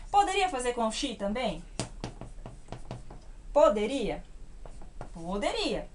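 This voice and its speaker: An English teacher, a woman with a fairly high voice and a Brazilian Portuguese accent, runs a grammar lesson at the whiteboard. She's patient, often checks in with quick tag questions, and slows down to spell out every English example. Her delivery is sing-song, with a slight hiss or hum in the background.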